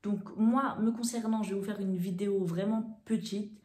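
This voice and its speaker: A young woman telling a story casually to the camera as a beauty vlogger, chatty and animated, with fillers. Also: mid-range voice, moderate pace, reverberant.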